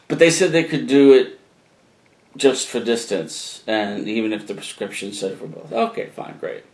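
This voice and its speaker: Casting: man with New England accent, chatty rambling video blogger, medium pitch, roomy camcorder sound. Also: expressive, normal speed, darkish tone. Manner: rambling, chatty, with many fillers and asides. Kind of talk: casual talk to camera. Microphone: camcorder microphone. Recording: roomy echoey room.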